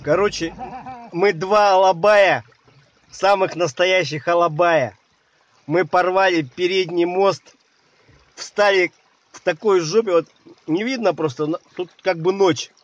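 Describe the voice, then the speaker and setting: A man's voice: sits high, unhurried, pauses often, no echo, muffled recording. Wry man vlogging outdoors at night. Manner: wry, self-mocking, laughing at his own bad luck. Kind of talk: casual vlog talk to camera.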